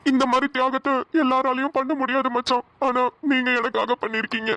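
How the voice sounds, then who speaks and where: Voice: high voice, little pitch movement, brisk, sharp tone, no echo. A performer voicing a grateful old father. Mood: earnest. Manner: earnest, pleading speech. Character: humble older father, grateful and emotional. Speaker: bride's father. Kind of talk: cartoon voice acting.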